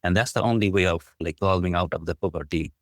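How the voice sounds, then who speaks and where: Talking fast in a deep, slightly bright voice, this middle-aged Bangladeshi man has a Bangladeshi accent and is a business school dean on a podcast. He recounts his story earnestly and gratefully in a conversational way, sprinkling in "like, you know." The recording is dry and studio quality.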